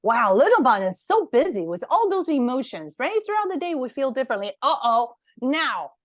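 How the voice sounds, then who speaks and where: A woman's voice: high voice, sing-song, moderate pace, no room sound, clean studio sound. A woman, the book's author, reading her picture book aloud to children at storytime, encouraging and asking them questions.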